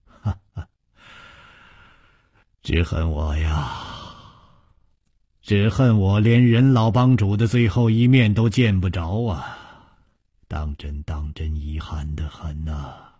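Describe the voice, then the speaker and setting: A proud young swordsman, courteous yet persistent, as a male storyteller plays him. He speaks low and husky, with a lively rise and fall in his lines. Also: takes it slowly, pauses often, dry recording, studio quality, heavily acted. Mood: probing, courteous. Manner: courteous but persistent, soft-spoken. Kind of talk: wuxia novel storytelling.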